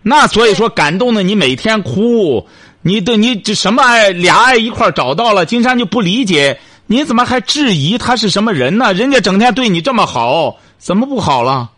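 A man's voice: high voice, big pitch swings, normal speed, fairly bright tone, dry recording. A male radio call-in host who gives advice in a teasing, sarcastic, needling way, speaking close to a studio microphone.

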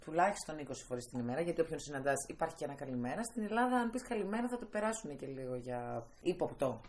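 A woman from Greece with a fairly low voice pushes back in a friendly argument. She teases and keeps returning to her case, and a faint hiss sits under the recording. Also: animated, darkish tone. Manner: teasing, persistent. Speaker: debater. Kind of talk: casual debate chat.

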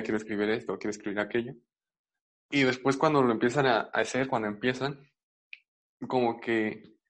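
A man with a Mexican accent, a podcast co-host chatting casually in a laid-back, slangy way. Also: medium pitch. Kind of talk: casual chat.

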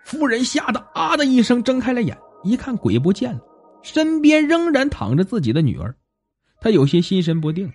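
A man narrating a folk tale in an animated, expressive way. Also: extremely high pitch, brisk, breathy edge, faint music behind. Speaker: storyteller.

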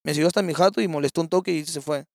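Young Peruvian man, casual storyteller, high and quick, slangy and animated, dry close sound. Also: dry recording. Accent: Peruvian Spanish. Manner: slangy, animated storyteller acting out quoted voices.

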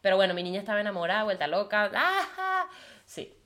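A woman's voice: medium pitch, big pitch swings, quick pace, a bit bright. A young woman with a Venezuelan Spanish accent, hosting a podcast in a blunt, profane, casual confessional monologue full of fillers. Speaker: podcast host.

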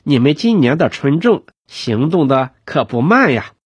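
A man voicing a brisk, good-humoured county official who talks in a joking way. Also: a little high, very animated, breathy edge, no room sound, muffled recording, exaggerated voice. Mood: chatty.

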